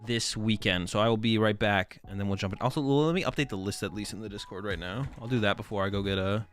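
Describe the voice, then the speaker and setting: With a lowish voice and a fast delivery over faint music, this young man streams card games and jokes his way through a sponsor read. He's laid-back and slangy, calling people dude and bro and poking fun at himself as he rambles.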